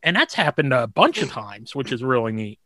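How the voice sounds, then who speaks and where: A man's voice: mid-range voice, sing-song, normal speed, sharp tone, dry recording, studio quality. A man co-hosting a podcast, chatting casually and rambling with many fillers and restarts. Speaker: podcast co-host. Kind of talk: casual chat.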